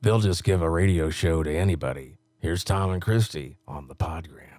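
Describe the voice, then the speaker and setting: A man recording radio station promos in a deep announcer read, joking and laughing between takes. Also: normal speed, darkish tone, no echo. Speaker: radio voice-over talent recording station liners.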